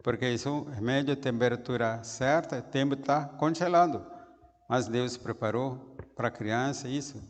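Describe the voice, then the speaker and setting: A priest giving a daily homily in simple, halting phrases, often tagging lines with a questioning "né?"; Portuguese is not his first language. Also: mid-range voice, in a large hall. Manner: halting, frequent "né?" tags, simple broken phrasing.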